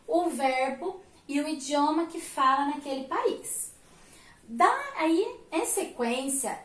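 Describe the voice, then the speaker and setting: A woman's voice: high voice, a bit bright, distant mic. A woman with a Brazilian Portuguese accent, explaining Spanish verbs in a recorded class and checking in with "né?" and "tá?". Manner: mixes Portuguese with Spanish words. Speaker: Spanish teacher. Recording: echoey room, voice off-mic.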